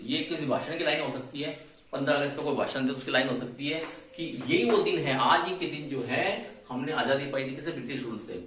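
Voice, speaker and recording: A man's voice: a little high, fairly bright tone, slight background noise. A man teaching an English grammar lesson, explaining step by step and asking and answering his own questions. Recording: echoey room from a distance.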